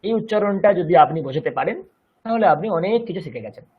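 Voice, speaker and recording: Male language teacher with a Bengali accent, measured and careful, fairly high voice, muffled lo-fi sound. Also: lively intonation, breathy edge. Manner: slow, deliberate, chants verses syllable by syllable. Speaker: Sanskrit teacher. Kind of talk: online language lesson.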